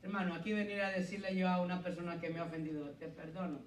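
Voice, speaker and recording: High-voiced fervent male preacher, echoey hall. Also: fairly even intonation, rapid-fire, far from the mic, slight background noise. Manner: fervent preaching, rhetorical questions, calls listeners "hermano"; swings from loud emphatic peaks to hushed low passages. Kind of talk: sermon. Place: church hall with congregation.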